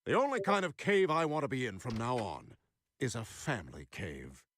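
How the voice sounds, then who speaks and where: A man voicing an earnest, self-important middle-aged suburban father in an animated sitcom. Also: medium pitch, normal speed. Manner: solemn, self-important declarations.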